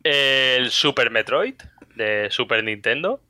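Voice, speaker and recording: A man co-hosting a casual podcast, talking fast and laughing often, sometimes doing his friends in a high voice. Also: animated, sharp tone, dry recording. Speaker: podcast co-host.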